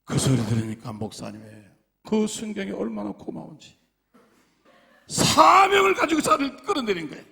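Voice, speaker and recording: A male pastor delivers a storytelling sermon in a fairly high voice that rises and falls dramatically. His tone is gravelly, and his loudness swings widely as he tells his stories. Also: sing-song, moderate pace. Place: church.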